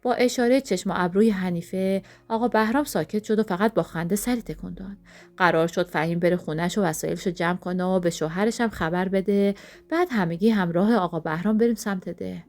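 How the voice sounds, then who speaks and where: A woman telling a first-person village story in a steady, reflective manner. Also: mid-range voice.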